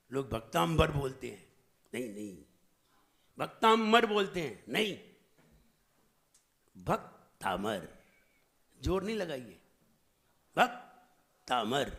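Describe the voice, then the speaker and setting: Man, sermon-style teaching, unhurried delivery, quizzes the listeners. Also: medium pitch, gravelly. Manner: asks the audience questions and makes them repeat; swings between loud emphatic lines and soft asides. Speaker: Jain monk teaching a training camp.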